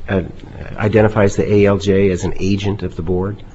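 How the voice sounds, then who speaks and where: A man with a husky voice, a judge putting halting, probing questions from the bench. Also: sits low, little pitch movement, darkish tone. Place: courtroom. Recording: muffled courtroom recording.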